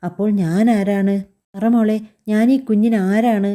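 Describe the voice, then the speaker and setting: A woman's voice: medium pitch, level tone, a little slow, mellow, natural voice. A woman voicing a possessive older grandmother who pleads and insists, hurt when she is refused.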